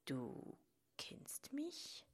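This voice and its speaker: A woman voicing the frail grey spirit of sadness, who speaks in a hoarse, halting whisper and sounds mistrustful. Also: fairly low pitch, lively intonation, a little mellow, full character voice. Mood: whispering, hesitant.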